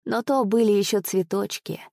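A woman reading a dramatic first-person tale aloud, with expressive, hushed suspense. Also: medium pitch, normal speed, vocal fry, dry recording, clean studio sound. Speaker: audiobook reader.

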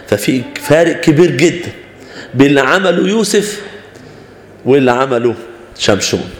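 A man with an Egyptian Arabic accent teaching a youth Bible class, asking the students questions and acting out examples. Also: on the high side. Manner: animated, asks the class questions, acts out examples. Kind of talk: lively church class talk. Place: church hall. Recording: echoey church hall with long reverb.

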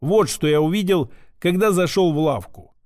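A man narrates a first-person audiobook in a measured, even storytelling manner. His voice sits a little higher than most men's. The recording is dry and close, with no room sound. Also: dry recording.

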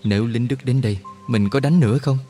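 A man voicing an excitable young male soldier who talks fast and his voice shoots up into high, agitated exclamations. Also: soft background music, natural voice. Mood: anxious.

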